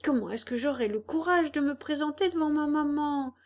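A woman's voice: sits high, sing-song, unhurried, vocal fry, darkish tone, exaggerated voice. A woman voicing a cheeky, rude wooden puppet boy who mocks and pleads, in a storybook reading. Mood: tearful. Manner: mocking taunts, then tearful pleading.

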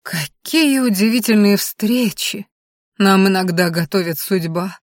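A tipsy gallant prince, wheezy and flattering, as a woman reads him in an audiobook. He drawls his words out slowly, close and dry. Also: lowish voice, no room sound. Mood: drawling.

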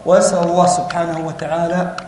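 A man's voice: on the high side, little pitch movement, very fast, darkish tone. A man teaching a class in a lecture, explaining rules step by step and asking the students questions. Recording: very echoey room with faint noise.

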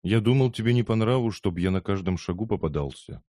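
A male reader's low, dark voice as a timid young lad in love, mumbling his bashful replies in an audiobook. The tone stays deep and mellow, close and dry. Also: brisk, no room sound, close to an everyday voice. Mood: shy. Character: shy, lovesick young working man.

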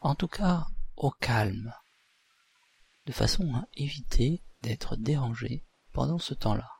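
A man, a hypnotherapist leading a relaxation session in a deliberate, soothing, breathy voice with pauses. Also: medium pitch, animated, a little mellow. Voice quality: breathy, husky, at times near whisper.

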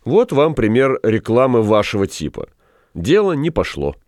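A man's voice: mid-range voice, wildly swooping pitch, normal speed, darkish tone, dry recording, studio quality. A man reading aloud, voicing a rueful male café owner who tells of his failed schemes in a plaintive, rambling way.

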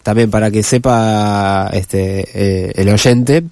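A man with a Rioplatense accent, hoarse from a cold, giving a brisk sports report as radio co-host. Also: on the low side, steady tone, a little mellow, dry recording. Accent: Rioplatense Spanish. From Argentina. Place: radio studio.

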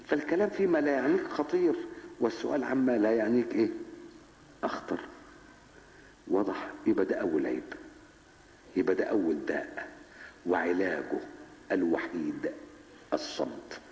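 A man's voice: medium pitch, expressive, fairly quick, pauses often, a little mellow. A man with an Egyptian Arabic accent preaching a Ramadan lesson in a mosque, who keeps prompting his audience with rhetorical questions. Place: large mosque hall. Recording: echoey mosque hall, dull 1980s recording.

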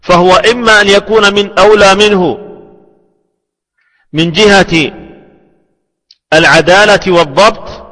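A man with a high, bright voice teaches a classical religious text. He speaks slowly and repeats each phrase for dictation. His voice rings with a long reverb, as if he is in a large hall. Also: steady tone. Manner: deliberate, repeats phrases for students to write. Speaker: Islamic scholar teaching hadith terminology. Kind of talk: slow classroom lecture with repetition for dictation.

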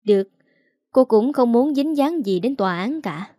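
A composed older lady played by a woman who questions with calm, needling irony. Her voice is mellow and dry, close to the mic. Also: a little high, dry recording. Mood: coolly teasing. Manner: calm, teasing, unhurried. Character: poised older wealthy woman, calm and sly.

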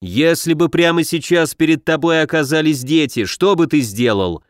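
A man voicing a stern heroic warrior who speaks in a low, firm, weighty way in an audiobook. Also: moderate pace, no room sound, clean studio sound, close to an everyday voice. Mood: grave firm. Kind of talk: audiobook narration.

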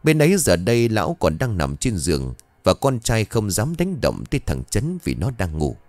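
A man tells a ghost story in a low voice that rises and falls widely. The delivery is dramatic and animated. The recording is dry and close, with faint music underneath. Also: normal speed, dry recording.

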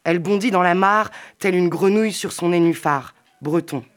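A speaker reading absurd, rambling poetic text, swinging between playful muttering and louder declaiming. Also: medium pitch, normal speed. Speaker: participant reading on an event radio. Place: makeshift radio at a summer gathering.

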